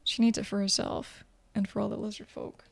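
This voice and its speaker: A woman's voice: mid-range voice, level tone, fairly quick, vocal fry. A woman reading a video game story aloud as dramatic narration. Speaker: gameplay commentator and narrator.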